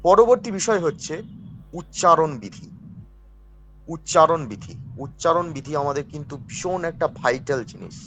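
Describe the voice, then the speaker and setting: Man teaching slowly, repeating words. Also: a little high, expressive, a bit bright, a little hiss or hum. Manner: explains slowly, repeats key words and syllables, asks the class questions. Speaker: teacher of priestly rites. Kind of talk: classroom lecture.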